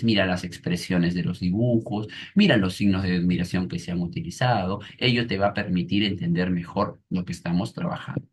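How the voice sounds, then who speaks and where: A man's voice: sits low, husky. A man teaching an online lesson, reading a comic aloud and explaining it step by step with frequent tag questions.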